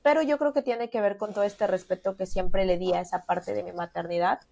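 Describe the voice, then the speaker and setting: A woman's voice: mid-range voice, fairly even intonation, fairly quick, creaky, a little mellow, no room sound. A woman, co-hosting a podcast and telling her story in an earnest, chatty way with many fillers. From Mexico. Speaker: podcast co-host. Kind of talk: casual podcast chat.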